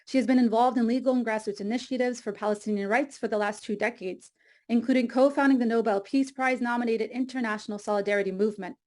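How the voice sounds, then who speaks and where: A woman with a slightly high, somewhat mellow voice moderates an online meeting, reading scripted, formal introductions of the panelists. She is heard through a computer mic on a video call.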